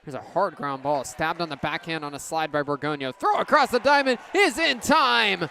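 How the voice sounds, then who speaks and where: A man in his twenties calls a baseball game live on radio in clipped, descriptive phrases, with crowd and outdoor ballpark noise behind him. His voice is on the high side, creaky and sharp, animated, and at a normal speed.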